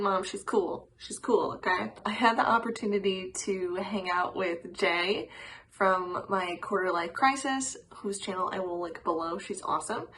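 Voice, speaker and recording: A woman hosting a book vlog, speaking casually to camera in a bubbly, expressive way. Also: mid-range voice, poor audio. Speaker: book channel host. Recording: clear background noise.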